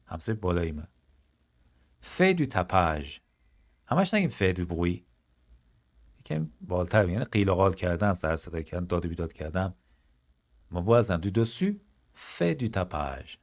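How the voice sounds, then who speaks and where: A Persian-speaking man teaching French, saying the example sentences slowly and clearly and chatting quickly between them. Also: sits low. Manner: slow, deliberate French model sentences, quick casual Persian asides. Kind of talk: language lesson, explaining in Persian.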